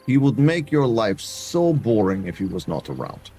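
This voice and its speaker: A man with a fairly low, dark voice and big pitch swings talks at a moderate pace over faint music. Streaming a building game, he addresses chat in a put-on Eastern European dictator act, dropping articles from his broken English.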